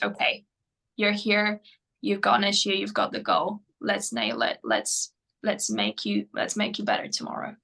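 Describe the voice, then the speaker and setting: Answering interview questions in English, a Polish-born mental performance coach hesitates a lot, filling pauses and starting her sentences over. Her medium-pitched voice is pushed and bright, with some vocal fry.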